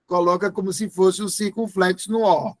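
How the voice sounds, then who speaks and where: A man's voice: high-pitched, flat delivery, moderate pace. A man teaching an exam-prep grammar lesson, spelling words out letter by letter.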